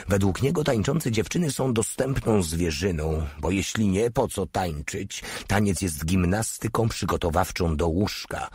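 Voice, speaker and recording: A man narrating an audiobook in a steady, measured reading. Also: low voice, slightly rough, no room sound, clean studio sound. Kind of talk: scripted narration.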